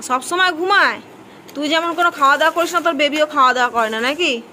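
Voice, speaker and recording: A woman's voice: sits high, fast talker, sharp tone, a little hiss or hum. A young woman filming a casual family vlog, chatting with her child and the viewers, teasing and scolding by turns. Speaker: mother and vlogger.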